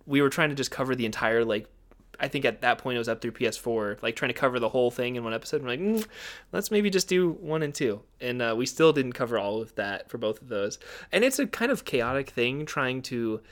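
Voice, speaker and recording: A man hosting a casual podcast, speaking into a studio microphone at an everyday middle pitch. He rambles with plenty of "like" and "um" and slips into playful asides. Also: expressive, quick pace, fairly bright tone. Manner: rambling, filler-heavy, playful. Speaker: podcast host.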